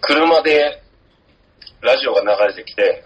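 A man in casual chat, speaking hesitantly and haltingly with frequent fillers. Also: medium pitch, animated, a bit bright, breathy edge. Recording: slightly dull lo-fi audio.

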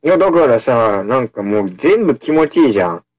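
A man with a Kumamoto accent bantering with friends on a chat show. He teases, laughs freely and swings his pitch up and down. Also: sing-song, brisk, lo-fi sound. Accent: Kumamoto dialect. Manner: teasing, laughs often, rough casual speech. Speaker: podcast co-host. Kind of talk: casual banter among friends.

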